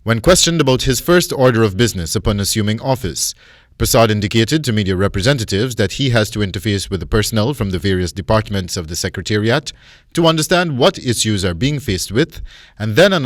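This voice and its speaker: A man's voice: lowish voice, expressive, a little fast, no room sound, clean studio sound. A man with a Guyanese accent reading scripted narration as a news reporter.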